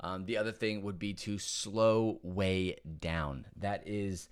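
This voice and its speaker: A man with a fairly low voice coaches listeners through gym work in a relaxed podcast monologue. He talks as if chatting with a friend, doubling up words for emphasis and often pausing to ask "okay?" along the way. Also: clear, resonant tone. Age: adult with young kids. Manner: conversational, repeats words for emphasis, checks in with "okay?". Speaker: podcast host and back-pain fitness coach. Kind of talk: casual instructional podcast monologue.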